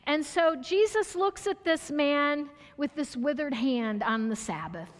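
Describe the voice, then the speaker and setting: A woman's voice: high voice, animated, unhurried. An American woman preaching a sermon in a conversational way, asking the congregation questions and sometimes stumbling over words. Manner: conversational, asks the audience questions, restarts and stumbles. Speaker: pastor. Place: church sanctuary. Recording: church hall reverb.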